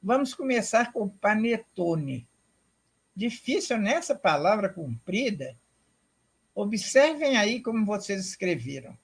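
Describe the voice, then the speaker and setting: A woman quoting a patient schoolteacher who gently prompts children with questions, in a husky voice. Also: mid-range voice, big pitch swings, slow, heavily acted. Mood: encouraging.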